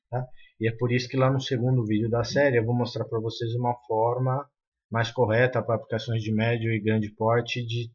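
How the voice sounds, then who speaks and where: A programming tutor with a Brazilian Portuguese accent walks through a coding tutorial step by step, using frequent fillers and restarting sentences. His voice is medium-pitched and darkish, and the recording sounds muffled.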